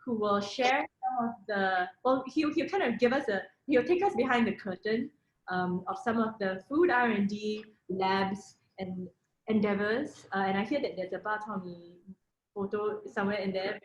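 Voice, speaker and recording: A woman's voice: mid-range voice, normal speed. A woman moderating a panel, introducing guests with many fillers and restarts. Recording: roomy echo.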